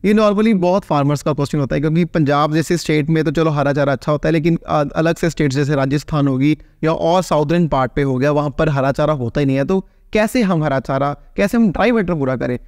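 A veterinarian in his thirties answers viewer questions to camera while seated in a small, plain indoor room. He explains things casually and conversationally, often checking in with "right?". His voice is on the high side and darkish, fast with hardly any pauses, recorded clean in a studio with no room sound.

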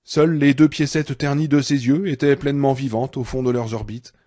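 A man narrating a novel in a measured, dramatic audiobook reading. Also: medium pitch, fairly even intonation, dark tone. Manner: measured, dramatic, darkening on tense passages.

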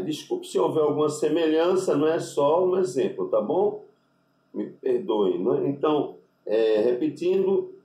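A man with a Brazilian Portuguese accent, a rabbi giving an unscripted religious lesson, deliberate and spelling out Hebrew letters with constant tag questions. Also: on the high side, mellow, recorded from a distance. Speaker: rabbi teaching Hebrew names. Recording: echoey room, voice off-mic.

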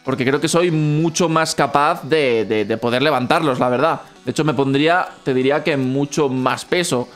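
Brief: playful young man, excited game commentary, repeats words in bursts. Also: medium pitch, moderate pace, hardly any pauses, soft background music. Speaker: gaming youtuber.

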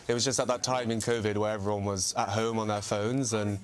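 A young man with a fairly low voice chats as an interview guest, bubbly and quick to laugh. He is half English and half American, and his talk is upbeat and goofy throughout. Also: level tone, slight background noise. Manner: giggly and bubbly, laughing often. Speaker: guest, comic impersonator.

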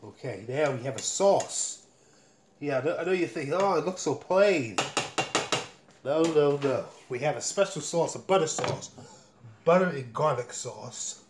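A middle-aged home cook hosts a cooking video, casually demonstrating as he works in a small indoor kitchen, his voice a little high and animated. He talks haltingly and repeats himself. A camera or phone mic at varying distance picks up roomy echo and clattering pots in a noisy recording.

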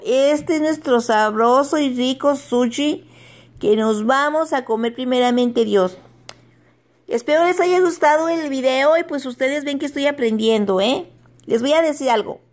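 A middle-aged woman, chatting casually on a home vlog, laughing often and stumbling over English words. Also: high voice. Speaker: vlogger.

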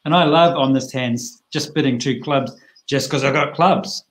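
A middle-aged man who teaches bridge walks through a card hand on a video call at a moderate pace. His ordinary-pitched voice stays chatty and plain-spoken, peppered with lively asides.

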